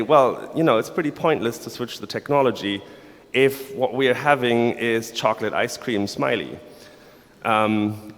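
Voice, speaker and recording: A man from Germany, giving a playful, sarcastic conference talk to developers. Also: mid-range voice. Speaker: conference speaker. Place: large conference hall. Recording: long reverb of a large hall.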